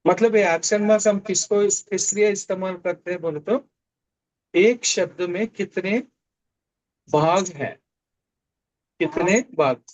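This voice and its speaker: Slow, repetitive male Greek teacher. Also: high voice, poor audio. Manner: slow, repeats key words, explains step by step. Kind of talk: classroom lecture. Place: classroom with a board.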